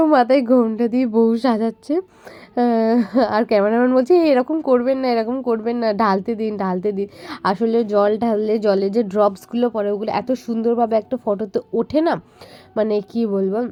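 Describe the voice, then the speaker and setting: A young woman with a Bengali accent and a voice hoarse from a cold, chatting through a casual vlog voice-over with lots of fillers. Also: fairly high pitch, warm tone, dull audio. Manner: chatty, rambling, many fillers. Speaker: vlogger.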